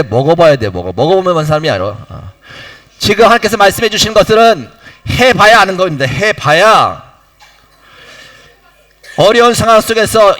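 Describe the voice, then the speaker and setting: A man's voice: high-pitched, a bit bright. A middle-aged man, the pastor, preaching to his church, repeating key phrases for emphasis and putting questions to the congregation. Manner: acts out short dialogues in his own voice. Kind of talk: sermon. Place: church sanctuary.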